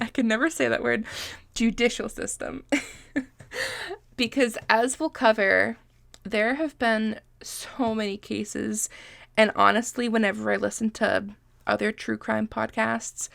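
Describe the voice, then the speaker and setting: A woman in her twenties from Massachusetts, USA, hosts a casual solo podcast, her voice on the high side with vocal fry and no room sound. Congested and sniffly, she chats freely, jokes at her own expense, and swears often.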